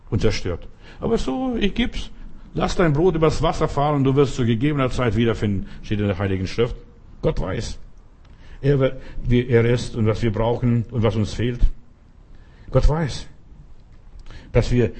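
Husky, exhorting male preacher. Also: darkish tone. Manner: emphatic, exhorting, with sudden jumps in pitch. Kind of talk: sermon.

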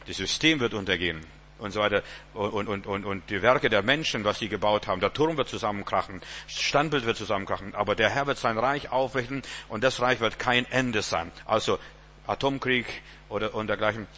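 Bright-voiced man preaching a sermon. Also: fairly low pitch, fairly quick. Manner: rambling, repeats words, chuckles.

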